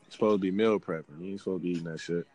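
A man with a somewhat low voice chats in a laid-back, teasing way. His talk is loose and slangy, like banter on a call. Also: fairly even intonation, rapid-fire, a little mellow. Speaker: radio-style host. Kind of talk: casual phone call banter.

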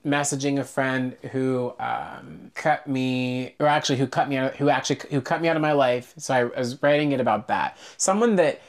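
A man from Pittsburgh who sings and teaches voice talks as a podcast guest. He tells anecdotes with animation, stopping and restarting his sentences as he goes. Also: mid-range voice. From Pittsburgh, Pennsylvania. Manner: animated, self-interrupting, quick restarts. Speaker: singer and vocal instructor, podcast guest. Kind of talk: casual conversational storytelling.

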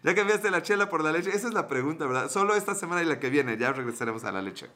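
A man's voice: a little high, animated, quick pace, pushed and bright. A man with a Mexican accent hosting a casual livestream, joking loosely and profanely with viewers and answering their comments. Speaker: livestream host.

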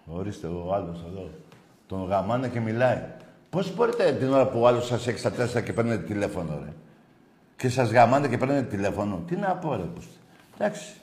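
A man hosting a rowdy football call-in show, swearing at callers and shouting in bursts. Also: on the low side, sing-song, roomy sound.

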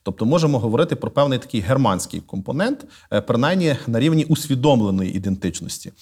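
Scholar guy in an interview, talks slow and careful, lots of uh pauses, mid-pitched voice. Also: lively intonation, darkish tone, breathy edge. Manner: measured and lecturing, frequent "uh" pauses while choosing words. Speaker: guest, literary scholar and museum director. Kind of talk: thoughtful explanatory interview talk.

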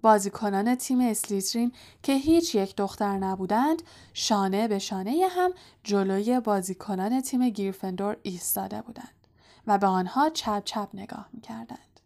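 A woman narrating a storybook in a soft, quiet, even-paced voice. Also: medium pitch. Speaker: audiobook narrator.

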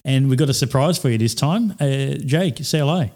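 A mellow, warm-toned man hosts a casual podcast. He keeps it light and jokey and keeps asking questions. His voice sits in a middle pitch. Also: animated, moderate pace. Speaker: podcast host. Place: small studio.

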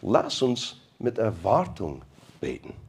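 Male preacher, sermon storytelling, playful, lively pitch. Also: takes it slowly, creaky, husky. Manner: playful, asks the congregation questions. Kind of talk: sermon retelling a Bible story.

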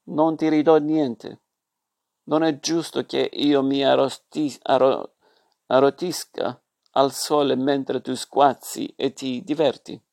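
A man reading the lines of a sulky, spiteful young woman in a story, in a sharp scolding tone. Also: mid-range voice, fairly even intonation, normal speed, vocal fry, dry recording, studio quality, natural voice.

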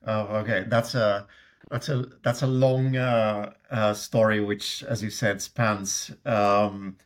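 In this conversational interview, a middle-aged guest from Sweden speaks slowly and flatly in a fairly low voice. His Swedish accent is clear, and he hesitates a lot, restarting and using fillers.

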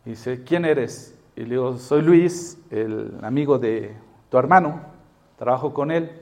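A man preaching a sermon, telling a story in an animated way and acting out the voices he quotes. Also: mid-range voice, measured pace.

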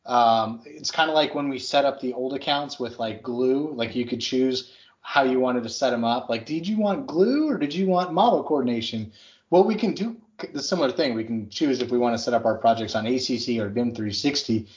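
A man co-hosting a podcast, chatting casually and enthusiastically about construction software, with plenty of fillers. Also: medium pitch, brisk. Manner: rambling, filler-heavy, enthusiastic. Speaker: podcast co-host. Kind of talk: casual tech chat. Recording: slightly dull lo-fi audio.

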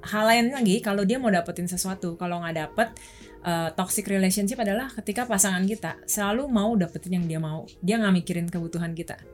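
A woman's voice: mid-range voice, fairly quick, faint music behind. A young adult woman from Indonesia, a guest on a chat show, telling candid personal stories in a casual way.

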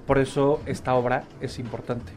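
A man's voice: mid-range voice, level tone, normal speed, a little mellow, a little hiss or hum. A man in casual conversation, speaking earnestly and emphatically.

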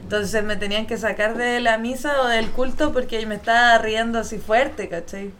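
A woman's voice: a little high, normal speed, a little hiss or hum. A woman with a Chilean accent telling stories in a casual chat, full of slang and laughter. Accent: Chilean Spanish. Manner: laughing, animated storytelling with slang. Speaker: podcast co-host.

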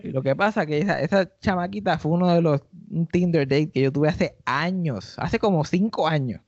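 A Puerto Rican man tells a comic story on a podcast, slipping into others' voices as he goes. His voice is gravelly and pitched a bit high. The sound is dry and a little dull. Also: moderate pace, no echo. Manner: animated, acts out quoted people in high voices. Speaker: podcast host and stand-up comedian.

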